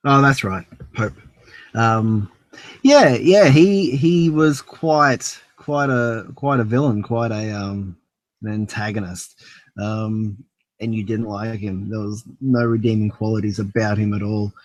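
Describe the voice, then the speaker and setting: A man's voice: fairly low pitch, slow, no room sound. Hesitant man, dry close sound. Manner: hesitant, easygoing, restarts often. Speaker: film review podcast co-host. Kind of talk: casual review chat.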